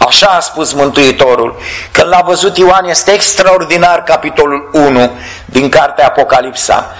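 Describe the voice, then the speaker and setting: A man preaching a sermon in a fervent, exclamatory way, drawing out key words slowly for weight. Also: a little high, a bit bright, low-quality recording.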